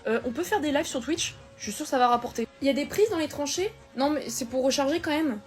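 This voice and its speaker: A woman performing short comedy sketches in a quick, chatty, deadpan way. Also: high-pitched, soft background music. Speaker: comedy creator.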